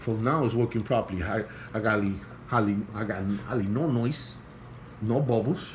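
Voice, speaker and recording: In another casual home clip shot on his handheld phone next to the aquarium, the accented hobbyist speaks fairly low. Slight background noise can be heard as he halts, repeats and restarts phrases in an earnest, pleading manner.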